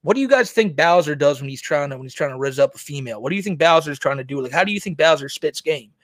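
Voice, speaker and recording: A man's voice: a little high, animated, fast talker, no echo. Crude mocking male podcast host. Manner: crude, mocking, talks to chat. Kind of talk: casual commentary podcast.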